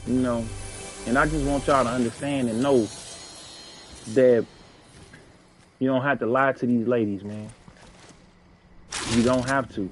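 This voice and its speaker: Earnest man with St. slang. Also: mid-range voice. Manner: earnest, preachy, repeats himself, street slang. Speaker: gaming streamer. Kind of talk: casual advice talk while gaming.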